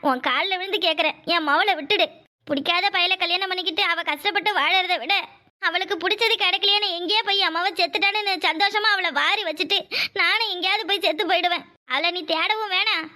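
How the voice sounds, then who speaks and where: A woman's voice: very high-pitched, fast, sharp tone. Woman voicing a fierce grieving village mother. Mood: desperate. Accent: southern Tamil Nadu dialect. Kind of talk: cartoon voice acting.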